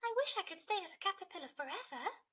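A small, sweet girl caterpillar from a storybook, played by a woman reader, high and bright. She is cautious and wistful, hesitant about any change. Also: very animated, quick pace, heavily acted. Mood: protesting. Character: cautious, reluctant young female caterpillar, sweet-natured.

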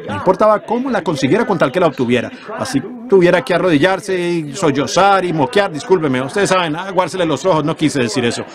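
A man's voice: on the high side, animated, fast talker, few pauses, a crowd in the background. A man interpreting a sermon in an earnest preaching voice, often turning to the congregation with rhetorical questions. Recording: congregation noise from an old sermon tape behind the voice. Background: congregation in a church.

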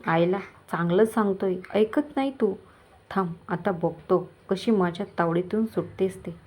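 A woman's voice: mid-range voice, unhurried, a little mellow, close to an everyday voice. Lady doing a sly village moneylender guy, sweet-talking and menacing, story narration. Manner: coaxing, menacing, falsely kind. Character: scheming lecherous middle-aged village moneylender.

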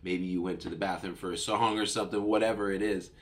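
Here a middle-aged man runs a casual solo podcast from his home studio, speaking fast in a low voice with fairly even intonation. He wears headphones in front of a studio mic on a boom arm, and though stuffed up with a cold, he rambles cheerfully and keeps correcting himself.

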